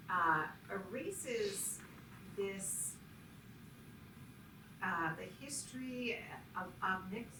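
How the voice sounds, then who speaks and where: A woman speaking thoughtfully on a panel, pausing often with fillers. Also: lowish voice. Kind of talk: panel discussion. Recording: echoey room, far from mic, noise.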